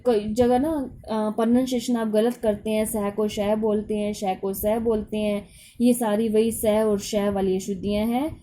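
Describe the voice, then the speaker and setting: A woman teacher working through a grammar lesson for schoolchildren, her voice mellow and a little high. She explains patiently, goes over each point again and speaks straight to the children.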